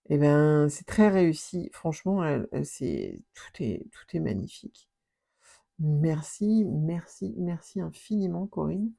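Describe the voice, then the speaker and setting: Woman, crafting vlogger, casual unboxing chat, gushing, dark mellow tone, raspy with vocal fry. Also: fairly low pitch. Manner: gushing, exclamatory, drops to soft whispers. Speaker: scrapbooking vlogger.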